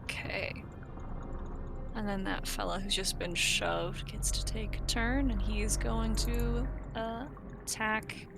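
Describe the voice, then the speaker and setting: A woman narrating as game master of a tabletop game, describing scenes in a measured way. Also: medium pitch, fairly even intonation, vocal fry, over music.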